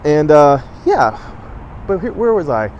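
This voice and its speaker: A man's voice: fairly high pitch, big pitch swings, a little slow, lo-fi sound, slight background noise. A middle-aged man from Southern California telling a personal memory to camera, rambling with fillers and self-corrections, getting emotional as he talks. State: emotional, choking up. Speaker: vlogger.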